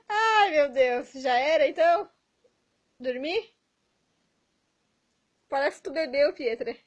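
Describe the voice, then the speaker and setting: A woman's voice: high-pitched, low-quality recording. Cooing mother in baby talk. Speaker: mother filming her sleepy baby.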